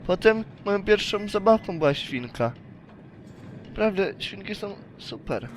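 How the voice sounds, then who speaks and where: A young man playing a horror game with a high, wildly swinging voice. He talks at an unhurried pace, cracking jokes and breaking into panicked shrieks and pleas. Faint noise hums behind him. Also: expressive. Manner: jokey, easily startled, shrieks and pleads. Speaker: gaming YouTuber. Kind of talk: horror game let's play commentary.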